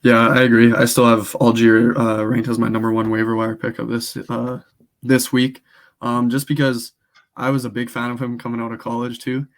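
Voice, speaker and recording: A man co-hosting a sports podcast while sick, his voice rough, giving low-key, brief answers. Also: little pitch movement, moderate pace. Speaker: podcast co-host. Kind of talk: casual sports podcast chat.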